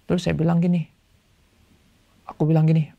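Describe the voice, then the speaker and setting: A male pastor giving a casual sermon to young people, telling stories in relaxed everyday slang. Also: a little high, a little fast, creaky, no room sound, muffled recording. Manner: chatty storytelling in everyday slang; acts out voices in quotes.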